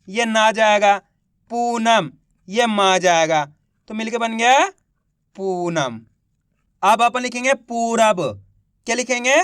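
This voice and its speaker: A man's voice: extremely high pitch, fairly bright tone, no echo, clean studio sound. A man teaching beginners to read, sounding out each word syllable by syllable and answering his own questions. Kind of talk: reading lesson for beginners.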